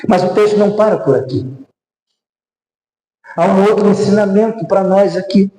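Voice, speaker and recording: A man's voice: high voice, fairly even intonation, normal speed, dark tone. A man with a Brazilian Portuguese accent preaching a sermon as pastor, emphatic and repeating refrains. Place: church sanctuary. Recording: echoey church sanctuary.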